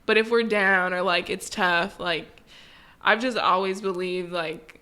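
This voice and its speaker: A young woman in her twenties, a guest on a podcast, chatting casually and calmly with lots of "like" fillers. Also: on the low side, unhurried, clean tone. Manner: relaxed, calm, with frequent "like" fillers. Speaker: guest, professional volleyball player.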